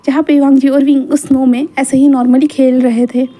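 A woman's voice: high voice, little pitch movement, fairly quick, mellow. A woman narrating a fan fiction love story in a chatty storytelling manner, full of fillers. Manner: chatty code-mixed storytelling, many fillers.

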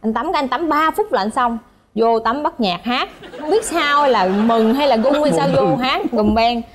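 A woman's voice: on the high side, normal speed, over a noisy crowd. A woman in her late twenties with a Southern Vietnamese accent, a guest telling a story animatedly, laughing and acting out what people said. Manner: lively, laughs often, acts out quotes. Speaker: guest wife.

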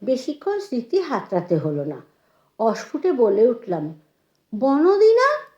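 Expressive woman reading a story. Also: medium pitch, normal speed, highs cut off. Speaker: narrator. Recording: echoey room.

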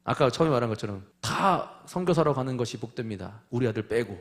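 Man, preacher, sermon, lively pitch, acted-out dialogue, soft quiet line endings. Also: fast. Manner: animated, acts out God and Moses in dialogue; drops to a soft, quiet close after raised lines.

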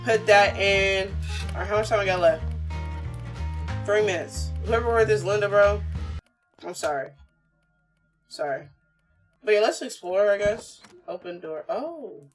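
A woman's voice: medium pitch, a little slow, pauses often, distant mic, soft background music. A young woman giving casual, slangy gameplay commentary, animatedly talking to herself and to her viewers. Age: young adult. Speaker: gaming streamer.

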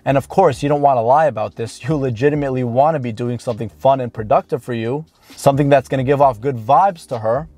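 A man of about thirty, a dating coach, sits in a parked car and talks straight to camera with blunt, informal, emphatic advice, stretching out key words. His voice is mid-range and dark in tone, with no room sound. Music plays in the background.

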